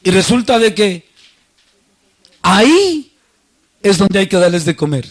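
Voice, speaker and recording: A man preaching a sermon, telling a personal story and acting out the voices he quotes, swinging between loud and soft. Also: high-pitched, sing-song, a little slow.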